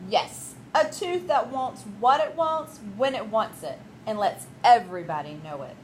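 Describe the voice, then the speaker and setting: A woman teacher narrating a children's story aloud in an expressive, playful way. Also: a little high, unhurried, a little hiss or hum, poor audio.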